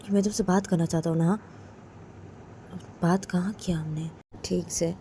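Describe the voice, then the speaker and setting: A woman performing an intimate romantic role-play monologue, talking softly and coaxingly, often sinking to a whisper. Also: fairly low pitch, fairly even intonation, moderate pace, a little hiss or hum. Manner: soft, pleading and coaxing, often dropping to a whisper.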